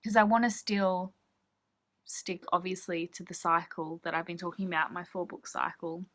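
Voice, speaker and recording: A woman's voice: fairly low pitch, steady tone, moderate pace, fairly bright tone. A young woman from Australia, chatting casually in a reading vlog and gushing with lots of fillers. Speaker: book vlogger.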